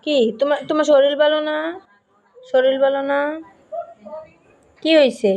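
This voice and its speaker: High-voiced woman coaxing her pet. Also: flat delivery, moderate pace. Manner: soft, pleading, repeats herself. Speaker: pet owner. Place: outdoors at night.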